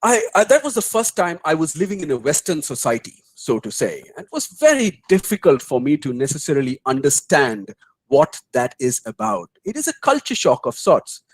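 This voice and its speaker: Indian English man, guest speaker, bright and bouncy intonation, dry close sound. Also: fairly high pitch, moderate pace, no room sound, rough recording. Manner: storytelling, animated, mimics voices in anecdotes. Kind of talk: webinar talk answering questions.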